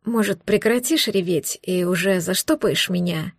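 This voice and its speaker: A woman's voice: medium pitch, expressive, moderate pace, gravelly, a little mellow, no room sound. A woman voicing a wounded male dragon in human form who grumbles with dry, mocking irony, in an audiobook. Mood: grumpy, mocking. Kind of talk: audiobook dialogue.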